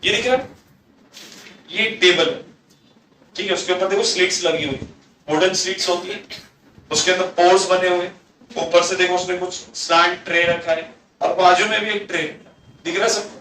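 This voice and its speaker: Male teacher lecturing a class, questions and answers himself, high voice, recorded from across an echoey room with faint hum. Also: fairly even intonation, moderate pace, long pauses, pushed and bright, far from the mic. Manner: mixes Hindi with English terms.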